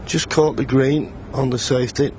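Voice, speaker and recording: A man giving understated snooker commentary in a measured, explanatory way. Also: medium pitch, fairly even intonation, a little mellow. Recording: noisy arena with clear crowd sound.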